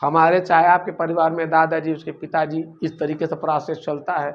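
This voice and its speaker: A man's voice: fairly high pitch, completely flat delivery, fairly quick. A man teaching a grammar lesson, explaining step by step and asking rhetorical questions as he goes. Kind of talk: classroom-style grammar lesson. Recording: dull lo-fi recording.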